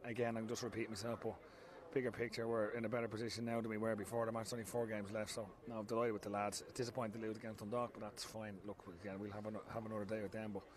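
A man in his forties with an Irish accent, a football manager speaking frankly after a match, restarting his sentences often, into a handheld mic outdoors on a pitch at night. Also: little pitch movement, rapid-fire, hardly any pauses, a crowd in the background. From Ireland. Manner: frank, repeats himself, many restarts. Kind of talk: post-match interview. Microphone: handheld mic held close.

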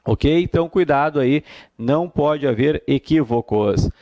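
A man's voice: on the high side, measured pace, dull audio. A man with a Brazilian Portuguese accent teaching an exam-prep grammar lesson, emphatic, repeating key points and answering his own questions.

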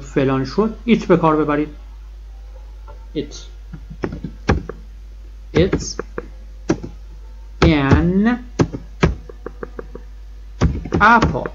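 A man teaching an English grammar lesson in a classroom style, stressing and repeating key points and stretching out example words slowly. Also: medium pitch. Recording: dull lo-fi husky recording.

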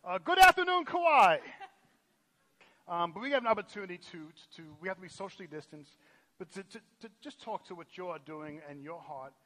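A pastor hosting a lively church service, joking and energetic, often tripping over restarts. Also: male voice, high voice, fast. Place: church sanctuary.

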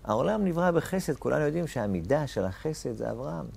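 A man's voice: fairly high pitch, sing-song, creaky, a little mellow, breathy edge. A man teaching a Torah lesson as a rabbi, posing rhetorical questions and repeating key phrases with emphatic rises on important words.

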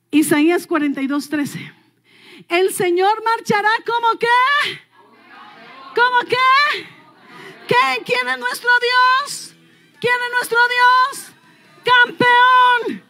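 A woman pastor preaches in a very high, piercing voice, stretching her words slowly as she chants and half-sings her lines. She orders the congregation to repeat phrases after her and shouts commands. Loud instrumental worship music plays under her throughout the live service. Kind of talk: fiery preaching with call-and-response.

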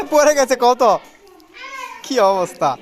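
A man with a Bangladeshi accent giving casual on-the-spot vlog commentary, exclaiming and repeating his phrases. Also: sits high. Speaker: vlogger. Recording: busy crowd voices behind. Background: chatter of other visitors.

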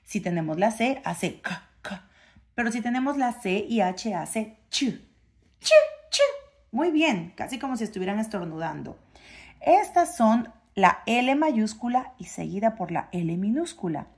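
A woman's voice: mid-range voice, expressive, moderate pace, a little mellow. A woman, reading a phonics book aloud to a child and sounding out the letter sounds in a sing-song way.

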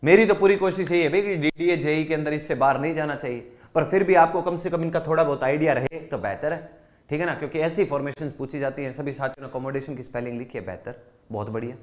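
Man, Indian accent, exam-prep teacher, slightly high voice, drills word lists, checks students follow. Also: quick pace. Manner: explains in Hindi with English terms, drills word lists and checks understanding. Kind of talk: online exam-prep lesson.

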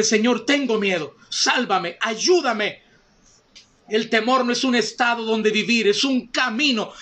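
Male pastor, very high voice, fervent sermon delivery addressing the congregation directly. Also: bright, forceful tone. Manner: fervent preaching, addresses listeners as brothers and sisters.

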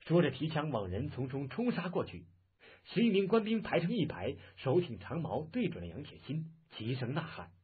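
A man reading a martial-arts novel aloud as a dramatic, animated audiobook narrator. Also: on the high side, normal speed, husky. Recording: muffled, phone-like lo-fi audio.

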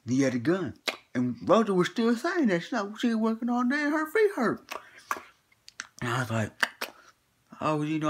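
Pitching his voice fairly high, above his natural register, a comedy skit performer portrays a bragging old grandpa. In this character monologue he tells tall tales in a slangy, folksy drawl and chuckles between lines, with a little hiss or hum in the recording.

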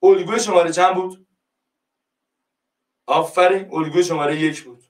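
A man's voice: sits high, fairly even intonation, reverberant, recorded from a distance. A man teaching a class, coaxing his pupils and repeating each prompt until they answer. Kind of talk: online class lesson.

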